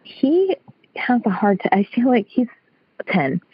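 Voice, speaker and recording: A woman's voice: fairly high pitch, sing-song, unhurried, husky, no echo. A woman calling in to a talk show over the phone, asking a question hesitantly with many fillers. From Chicago area. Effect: heard over the phone. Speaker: caller. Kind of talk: call-in question to a host. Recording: dull narrowed phone sound.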